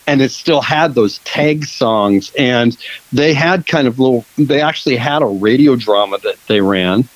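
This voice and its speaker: A man's voice: mid-range voice, measured pace, no room sound, rough recording. A man from Western Washington hosting a casual interview, rambling with many fillers and restarts. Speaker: podcast host and producer.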